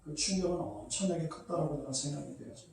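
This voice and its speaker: A man's voice: a little high, fast talker, gravelly, darkish tone, slight background noise. A man preaching a sermon as pastor, often asking the congregation questions and acting out the people in the story. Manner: acts out quoted voices, asks the congregation questions. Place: church hall. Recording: very echoey hall, voice from far off.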